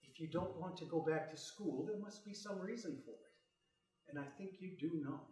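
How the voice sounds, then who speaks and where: A man's voice: fairly high pitch, moderate pace, darkish tone, distant mic, close to an everyday voice. A man playing a middle-aged, bookish father in an audio drama, wry and loving but volatile, with articulate speech. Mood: measured, probing. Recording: echoey room, off mic.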